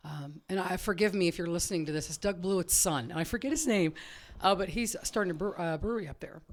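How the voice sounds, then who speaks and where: Woman, comedian guest, lowish voice, loose and animated storytelling. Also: fast. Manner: animated storyteller, swears casually. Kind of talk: casual chat.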